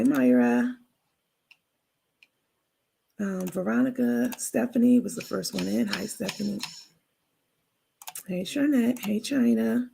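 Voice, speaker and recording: A woman hosts a casual livestream, chatting informally with viewers and reading their comments aloud. Her voice is raspy, mid-range and mellow, and the audio quality is poor.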